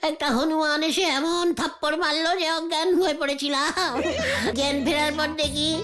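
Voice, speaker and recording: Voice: high voice, little pitch movement, normal speed, close to an everyday voice. An actor voicing a bumbling, boastful trickster uncle who stammers when cornered, in a comic cartoon. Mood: sheepish. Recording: music playing behind the voice.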